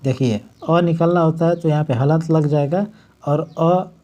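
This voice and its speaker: Guy teaching hindi grammar for exams, kinda high but mellow voice, says every example slow and stretched out. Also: steady tone. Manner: explains step by step, repeating points with "matlab"; draws out example words slowly. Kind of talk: exam-prep grammar lesson.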